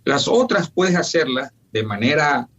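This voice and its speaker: A man's voice: fairly high pitch, big pitch swings, measured pace, a bit bright, breathy edge, lo-fi sound. A man, a functional medicine doctor, explaining his approach in an emphatic, teacherly way during an interview. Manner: emphatic, didactic, lists points firmly.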